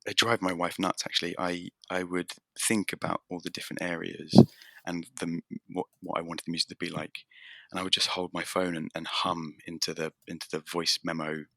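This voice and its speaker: A man's voice: sits low, flat delivery, brisk, gravelly, sharp tone, dry recording, clean studio sound. A man talking as a podcast guest about making his game, rambling and self-deprecating with lots of restarts. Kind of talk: casual conversation.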